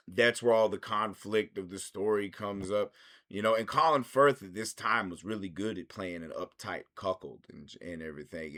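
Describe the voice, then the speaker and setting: Deep-voiced, profane film reviewer. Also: male voice, bright, forceful tone. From United States. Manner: profane, rambling, swears constantly. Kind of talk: casual film review monologue.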